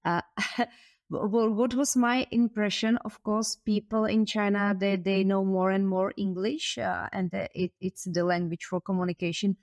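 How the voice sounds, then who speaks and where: A woman's voice: mid-range voice, steady tone, measured pace, a little mellow, no room sound, studio quality. A woman interviewing a guest, asking questions hesitantly with many fillers and some non-native phrasing.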